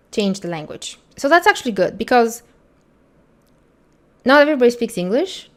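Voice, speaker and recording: Her voice sits on the high side. She's an accessibility instructor whose first language is Bulgarian, candidly and bluntly thinking aloud as she tests a website for a screen-recorded tutorial.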